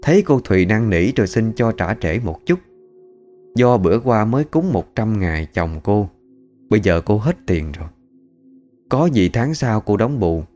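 A man's voice: lowish voice, very animated, moderate pace, darkish tone, soft background music. A man narrating a ghost story in a colloquial, chatty way.

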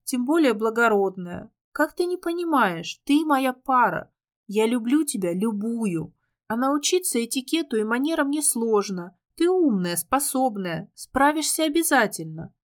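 A woman's voice: high voice, voice pushed up. A woman voicing a devoted young red-haired man pleading with the woman he loves in an audiobook. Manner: earnest, pleading.

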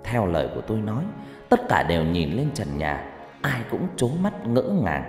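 A dramatic audiobook narrator whose pitch swings lively through the tale, heard in a long echoing reverb. Soft music plays underneath. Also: normal speed. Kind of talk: storytelling narration. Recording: echoey reverb with background music.

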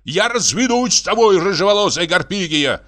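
Man doing a shouting painter, raised pitch, lively, storybook reading. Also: moderate pace, faint music behind. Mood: ranting. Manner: ranting, shouting. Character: hot-tempered male painter, shouting. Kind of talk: audiobook reading.

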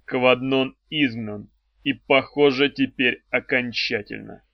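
A man's voice: medium pitch, fairly even intonation, slow pace, vocal fry, no echo. A man voicing a self-assured, mocking lord of darkness with a dry ironic manner. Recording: dry, slightly dull audiobook recording.

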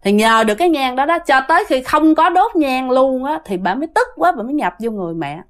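Southern vietnamese lady telling a ghost story, chatty, talks right to you, kinda high voice. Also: expressive, a little fast. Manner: chatty, addresses listeners directly. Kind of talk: casual ghost story narration.

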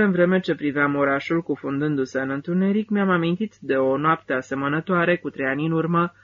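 A man narrates a first-person literary novel as an audiobook, his phrasing measured and steady. His voice is fairly high in pitch, and the recording's highs are cut off.

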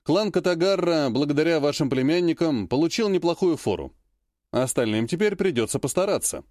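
A man narrating a fantasy audiobook and voicing each character with changes in pitch and pace. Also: expressive, brisk, a little mellow, no room sound, clean studio sound. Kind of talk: audiobook reading with character voices.

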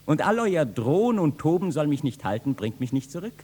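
An actor playing a bold, teasing young kitchen boy in a 1960s radio play, speaking classic verse with lively mockery. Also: on the high side, a little fast, breathy edge. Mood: cheeky. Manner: lively, mocking, bursts into loud shouting.

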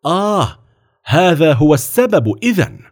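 Brief: man doing a stern officer in a children's story, loud firm orders. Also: on the high side, very animated, fairly quick, pitched above the performer's own voice. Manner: stern, commanding. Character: stern male army officer, firm and mocking.

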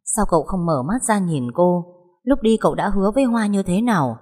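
A woman's voice: mid-range voice, lively intonation, a little fast, mellow, lightly acted. A woman doing a desperate young wife. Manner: pleading, broken. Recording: long hall reverb.

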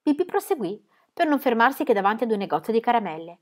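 A woman reading a children's book aloud in a lively, expressive manner. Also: racing. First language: Italian. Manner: expressive, with rises and falls in pitch. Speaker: storybook reader.

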